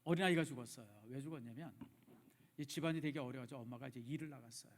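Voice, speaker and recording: A middle-aged male pastor preaching in a church, emotive, dropping from loud emphasis to hushed, near-whispered repeats. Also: medium pitch, quick pace, a little hiss or hum. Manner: addresses the congregation directly, repeats phrases for emphasis. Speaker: senior pastor. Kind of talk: sermon. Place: church sanctuary.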